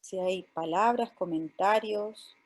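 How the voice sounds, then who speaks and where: A woman's voice: mid-range voice, takes it slowly. A woman from Chile moderating an online panel, speaking hesitantly with fillers and restarts.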